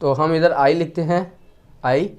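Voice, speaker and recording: Guy teaching a class, keeps asking then answering his own questions, slightly high voice. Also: fairly even intonation, darkish tone, smooth. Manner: asks questions and answers them himself; repeats key words slowly, dropping his pitch. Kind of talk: classroom-style lesson.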